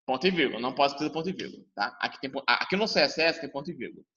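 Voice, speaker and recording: This lively classroom lesson comes from a Brazilian teacher who addresses his students directly and plays out their questions himself, in a Brazilian Portuguese accent. He talks at a racing pace in a mid-range voice with lively intonation and a sharp tone. Sound quality is dull, with long reverberation.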